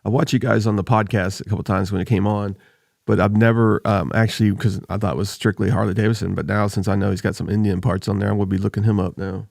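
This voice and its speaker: Low gravelly guy rambling on a podcast, dry close sound. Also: fairly even intonation, fast, darkish tone, dry recording. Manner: rambling, laughs often. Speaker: podcast host. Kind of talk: casual chat. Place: home. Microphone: desk microphone.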